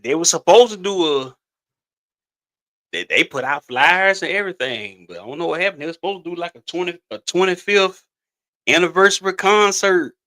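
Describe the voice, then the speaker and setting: A middle-aged man co-hosts a podcast in easygoing, rambling conversation. His voice sits a little high and sounds bright and sharp. He often stumbles and restarts his sentences. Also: expressive, moderate pace. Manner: laid-back, rambling with repeated restarts and laughter. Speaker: podcast co-host. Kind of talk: casual chat.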